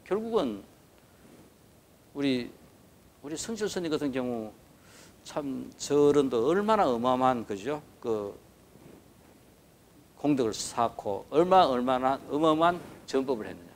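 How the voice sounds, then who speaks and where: Animated Gyeongsang-accented male dharma lecturer. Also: medium pitch, a little slow, long pauses, slight background noise. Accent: Gyeongsang Korean. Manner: keeps asking the listeners for agreement; emphatic, repeats key words. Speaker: Buddhist scripture lecturer.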